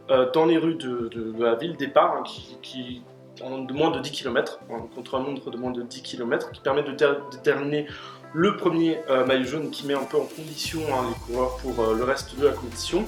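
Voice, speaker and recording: A man's voice: medium pitch, a little fast. Explaining man in a roomy room. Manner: many fillers and restarts, explanatory. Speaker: host answering questions on cycling. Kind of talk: casual explanatory Q&A. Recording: roomy room with faint music.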